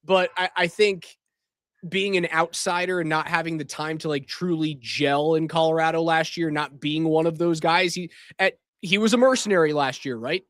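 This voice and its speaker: Man hosting a hockey show, higher-pitched voice. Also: moderate pace, fairly bright tone, no echo, clean studio sound. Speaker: sports show host. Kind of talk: live hockey post-game commentary. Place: hockey arena after a game. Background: arena racket.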